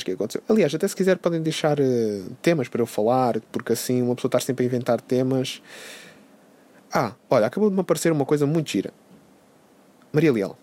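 A young man hosting a podcast, ranting casually in a sarcastic, profane, animated way. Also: medium pitch. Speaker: podcast host.

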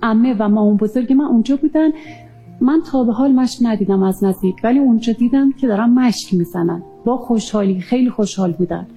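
A woman recounting a near-death experience in an earnest, halting way, often pausing with fillers. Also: on the high side, dark tone, soft background music. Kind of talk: emotional personal testimony.

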